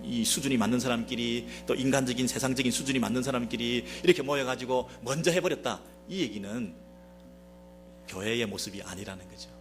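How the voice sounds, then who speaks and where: A Korean man preaching a Sunday sermon as a pastor, speaking straight to the congregation with many rhetorical questions. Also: medium pitch. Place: church sanctuary.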